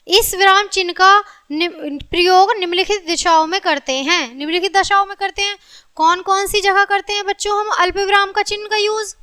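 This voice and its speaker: A woman gives a recorded grammar lesson for children in a bright, high voice. She keeps checking that her pupils follow, and she slows down to stress each example sentence. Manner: addresses children often, checks understanding with repeated questions. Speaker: teacher.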